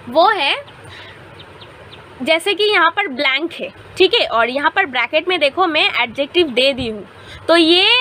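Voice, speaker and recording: A young woman teacher talks her class through a grammar lesson, mixing Hindi and English and checking in often with "theek hai". Her voice sits high and sounds bright and clear. A faint noise runs under the recording.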